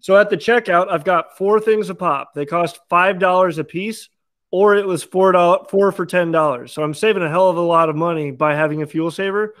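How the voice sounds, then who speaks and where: A man with a notably high voice tells animated, swear-filled stories as a podcast co-host. His talk is loose and conversational. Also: fairly quick. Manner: animated, profane storytelling. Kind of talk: casual podcast chat.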